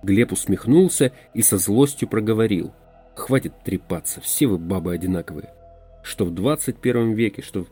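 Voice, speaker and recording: Male narrator for a novel, expressive and warm-toned. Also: on the low side, slightly rough. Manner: expressive storytelling. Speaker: audiobook narrator. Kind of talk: scripted narration.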